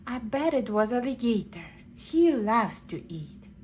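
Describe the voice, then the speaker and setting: A woman's voice: a little high, big pitch swings, a little slow, darkish tone, slight background noise. A woman voicing a friendly, forgiving male cat in an earnest way, reading a storybook to a toddler. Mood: eager. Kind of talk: children's storybook character read for a toddler.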